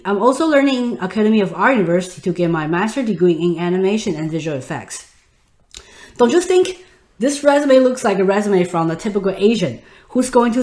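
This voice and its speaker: A Taiwanese woman in her thirties, a native Mandarin speaker with a Taiwanese Mandarin accent, hosts an online webinar. Her medium-pitched voice sounds echoey in the room as she instructs the audience, speaking to them directly.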